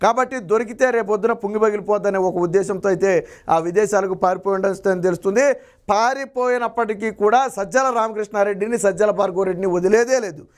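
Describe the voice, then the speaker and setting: A man's voice: high voice, fast. A man working as a political analyst, giving fiery political commentary and firing repeated rhetorical questions at his target.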